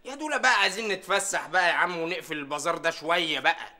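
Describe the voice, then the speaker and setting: A man's voice: fairly high pitch, racing, sharp tone. An actor playing a lazy, grumbling young bazaar assistant with an Egyptian accent, whining his comebacks in a sitcom. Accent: Egyptian Arabic. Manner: whiny, mumbling comebacks. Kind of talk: sitcom acting.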